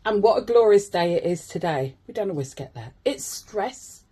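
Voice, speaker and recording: A woman's voice: mid-range voice, expressive, moderate pace, mellow, slightly rough. A woman coach talking informally to her followers, chatty and given to self-deprecating asides. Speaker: wellbeing coach and host. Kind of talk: informal video chat to followers.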